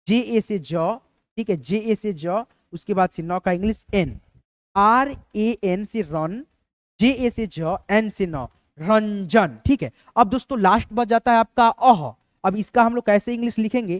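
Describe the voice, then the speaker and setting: A male teacher talks through a spelling lesson, sounding words out letter by letter. He goes slowly and patiently and keeps asking "okay?" as he works through each step. The recording is close and dry. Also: sits high, no echo.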